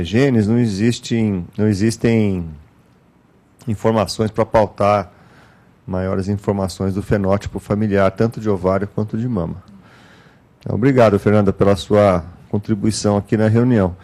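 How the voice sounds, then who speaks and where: Homem de voz grave e suave. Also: male voice, lowish voice, mellow. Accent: Brazilian Portuguese. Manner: measured, frequent "né?" tags. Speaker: meeting moderator. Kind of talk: online clinical case meeting.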